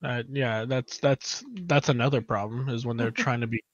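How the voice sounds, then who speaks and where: A man co-hosting a casual gaming podcast, talking haltingly and often restarting his sentences. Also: medium pitch, fairly even intonation, no room sound, dull audio. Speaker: podcast co-host.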